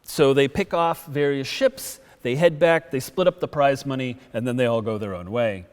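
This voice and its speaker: A middle-aged man giving a lively public history lecture as a guest speaker in a town hall, telling it like a story. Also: mid-range voice, normal speed. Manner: lively storytelling, acts out quotes. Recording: long hall reverb.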